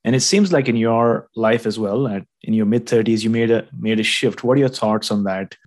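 A man's voice: on the low side, moderate pace. A man hosting a podcast about spirituality, opening with an enthusiastic promotional intro and then asking conversational questions. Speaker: podcast host. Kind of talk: podcast interview.

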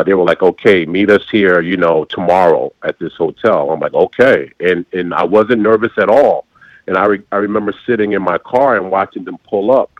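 A man in his forties telling his story as an interview guest, halting with many fillers and restarts. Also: low voice, no room sound, lo-fi sound. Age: 40s. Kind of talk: candid conversational storytelling.

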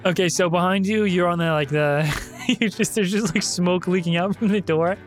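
High-voiced man running a tabletop game. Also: steady tone, moderate pace, faint music behind. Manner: bantering, mock-exasperated. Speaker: game master.

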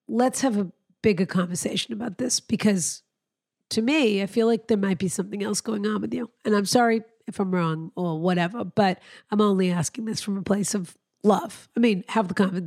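A woman co-host talks through advice in an earnest, rambling way, restarting her sentences as she goes. Her voice is weak from a cold, and she sits at a middle pitch. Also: a little mellow. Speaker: podcast co-host. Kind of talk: casual advice chat.

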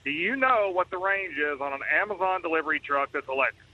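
A man's voice: a little high, lively intonation, fast. A man from Texas, calling in over the phone to a talk radio show and earnestly explaining his point as a truck driver. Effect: heard over the phone. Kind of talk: call-in talk radio chat. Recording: muffled phone line.

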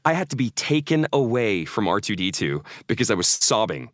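A man's voice: fairly low pitch, very animated, brisk, fairly bright tone, no room sound, clean studio sound. A man in his forties from Norway, an actor guest chatting casually and telling self-mocking stories in an interview. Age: 40s.

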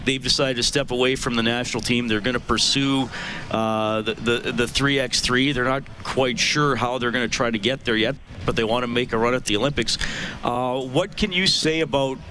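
A Canadian man hosts a live radio sports show in a bright, punchy voice. He chats conversationally, in the manner of someone running a call-in contest promo. There is light background noise under his voice. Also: mid-range voice, steady tone, normal speed. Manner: conversational, chatty. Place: live radio broadcast from a ballpark.

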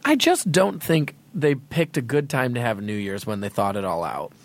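A man with a medium-pitched voice talks casually as a podcast co-host. His intonation is very lively, and he keeps up a teasing, playful banter. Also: moderate pace. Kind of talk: casual comedic chat.

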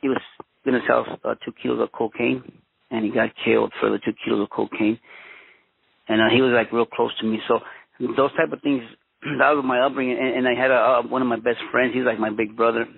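A man in his fifties, born in Mexico and raised in Los Angeles, telling his own story as a former police officer, halting and restarting often. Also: mid-range voice, level tone, gravelly, husky. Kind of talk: personal storytelling interview. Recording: tinny phone-line audio.

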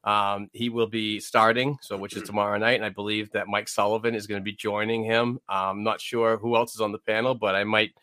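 A man's voice: lowish voice, level tone, fairly quick, few pauses, sharp tone, no room sound. A man co-hosting a sports podcast in casual, conversational talk. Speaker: podcast co-host. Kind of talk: casual chat about hockey.

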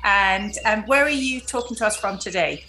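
A woman's voice: medium pitch, expressive, moderate pace, bright, forceful tone, a little hiss or hum, poor audio. A woman presenting and interviewing as a podcast host. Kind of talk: scripted introduction and conversational interviewing.

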